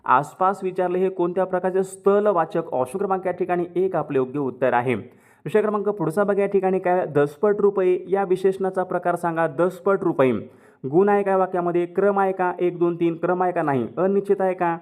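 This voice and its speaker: A man's voice: high voice, brisk, darkish tone. A man teaching, going through exam questions and answering each one himself. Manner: asks questions then answers them, repeats key words.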